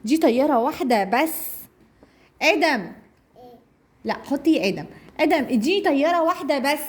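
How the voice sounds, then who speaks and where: High-pitched Egyptian woman teaching children. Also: animated. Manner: encouraging, praising children often; slow drawn-out repetition of target words. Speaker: speech therapist teaching young children. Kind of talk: interactive children's lesson. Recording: noisy room recording.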